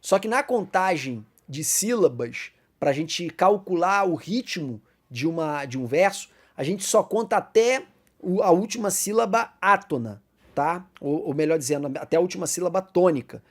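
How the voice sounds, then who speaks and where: A man's voice: high voice, animated. Brazilian man teaching Sunday school. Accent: Brazilian Portuguese. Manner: explanatory, addresses listeners as brothers, recites verse slowly. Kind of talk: Bible class lesson.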